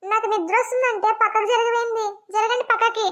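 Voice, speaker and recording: A woman voicing a patient, pleading young village bride in a cartoon, with a high, thin voice. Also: fairly even intonation, fast talker, fairly bright tone. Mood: stubborn.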